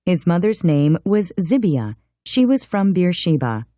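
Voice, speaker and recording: A woman reading scripture aloud in a clearly pronounced, scripted narration. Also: fairly low pitch, very animated, a little slow, dark tone, dry recording, studio quality. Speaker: Bible reader.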